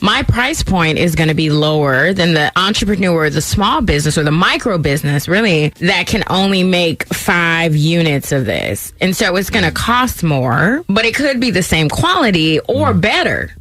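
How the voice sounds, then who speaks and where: Lower-voiced woman radio guest. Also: very animated, moderate pace, few pauses, a bit bright. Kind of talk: radio panel discussion.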